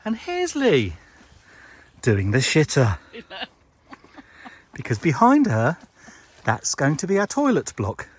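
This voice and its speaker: A jokey British man shows off a big tent at a campsite in his camping vlog, chatting casually and laughing a lot. He talks slowly with frequent pauses, in a fairly high voice whose pitch swoops wildly. There's a little hiss or hum in the recording.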